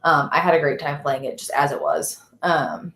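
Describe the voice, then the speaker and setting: A woman's voice: low voice, very animated, moderate pace, fairly bright tone. A woman co-hosting a live podcast, chatting casually and rambling as she searches for words. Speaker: podcast co-host. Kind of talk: casual live-stream chat. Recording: roomy echo.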